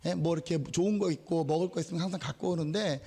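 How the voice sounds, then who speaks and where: A hoarse male pastor whose voice is nearly gone, telling a story in a chatty, animated way during his sermon. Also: fairly high pitch, fast. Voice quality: rough, creaky voice. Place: church sanctuary.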